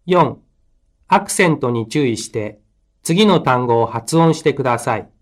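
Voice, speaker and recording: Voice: medium pitch, lively intonation, unhurried. A language-lesson announcer reads scripted exercise instructions and items, dictating in short, separated units.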